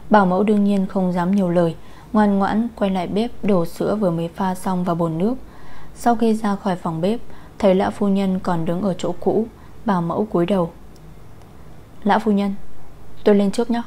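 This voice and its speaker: A woman narrating an audio story in steady, even storytelling. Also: mid-range voice, a little fast.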